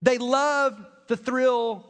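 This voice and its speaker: American man, high voice, animated and self-deprecating sermon delivery, long hall reverb. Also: very slow. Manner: animated, folksy, self-deprecating, repeats phrases for emphasis. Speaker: preacher. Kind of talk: conversational sermon to a congregation.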